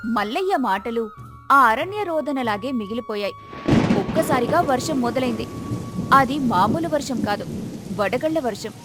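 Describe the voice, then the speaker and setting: A woman telling a moral story in scripted, measured narration. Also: high voice, animated, over music.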